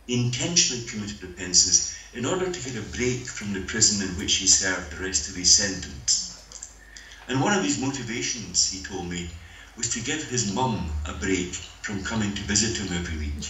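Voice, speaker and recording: An older Scottish man speaking by video link at a conference, lecturing in a measured, dryly humorous way. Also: low-pitched, bright, forceful tone. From Scotland. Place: meeting room, voice played over speakers. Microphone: video call. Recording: roomy hall with faint noise.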